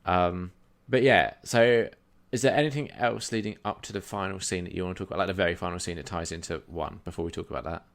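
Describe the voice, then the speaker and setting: A man's voice: sits low, quick pace, creaky. A man co-hosting a casual film podcast, easygoing, agreeing often and walking through plot points. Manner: easygoing, lots of agreeing yeahs, explains plot step by step. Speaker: podcast co-host.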